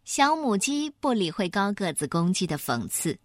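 A woman narrating a children's story in an expressive, animated way. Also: mid-range voice, normal speed, no room sound, studio quality.

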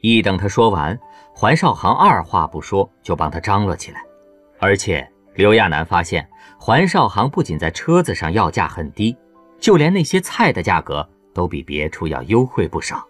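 A man reading an audiobook novel as its narrator, in a lively storytelling way. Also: low-pitched, normal speed, soft background music. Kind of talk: scripted narration.

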